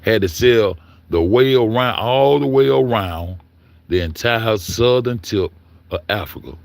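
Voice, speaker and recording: A man's voice: lowish voice, a little slow, creaky, no echo. A man delivering a heated, profane monologue, stumbling over words and repeating himself as he argues his point. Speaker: commentator. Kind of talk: ranting monologue.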